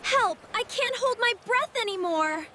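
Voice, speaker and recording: A woman voicing an excitable little winged cartoon critter, squealing exclamations and reading sound effects aloud. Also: measured pace. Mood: excited. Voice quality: squeaky, shrill. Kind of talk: cartoon dialogue. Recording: loud background noise.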